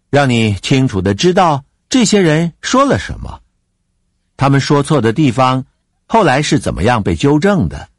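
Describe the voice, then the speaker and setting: A man with a slightly husky voice teaches the Bible, his pitch leaping up and down as he stresses his points. The sound is dry and close, with no room around it. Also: no room sound. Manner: explanatory, emphatic, with occasional fillers and laughs.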